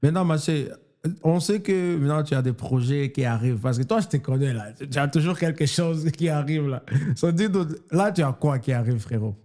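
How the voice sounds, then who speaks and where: A young man hosting a casual podcast chat, upbeat, with English slang and shout-outs mixed in. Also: a little high, fairly quick. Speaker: podcast host.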